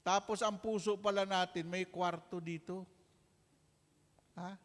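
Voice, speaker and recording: A man preaching a healing sermon to a congregation, animated, swinging from loud exclamations to soft asides and often calling out to the crowd. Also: sits high, measured pace, long reverb tail.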